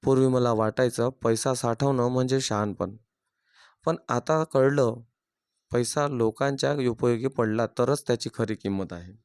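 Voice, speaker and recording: A reformed miserly village merchant, middle-aged and calm, speaks with earnest conviction, as a male storyteller quotes him. The voice stays at an ordinary middle pitch and sounds dry and close, with no room around it. It suits a storybook read-aloud. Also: a little slow, smooth, dry recording, close to an everyday voice.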